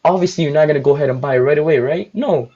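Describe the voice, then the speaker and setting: A young man guesting on a livestream as a store owner chats casually and rambles with lots of filler words while chewing gum. His voice is high-ish, dark, and rapid-fire, and the audio is muffled and lo-fi.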